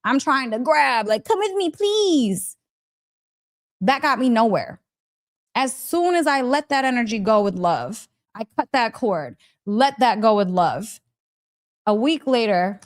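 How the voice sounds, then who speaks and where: On a casual motivational storytelling live stream, a spiritual teacher with a voice on the high side speaks at a measured pace, very animated. Her manner is gushing, emphatic and chatty; she repeats phrases and addresses listeners directly with frequent check-in questions.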